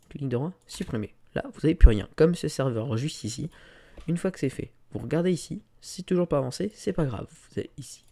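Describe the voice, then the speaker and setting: With a mid-range voice marked by vocal fry, a tutorial creator walks through a screen recording click by click. His delivery is relaxed and heavy on fillers.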